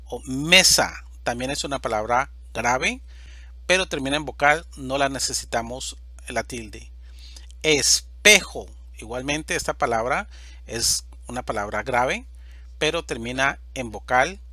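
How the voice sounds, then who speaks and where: A man teaching a slide-based Spanish grammar lesson, speaking slowly and deliberately and stressing each example word loudly. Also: mid-range voice, breathy edge, no room sound.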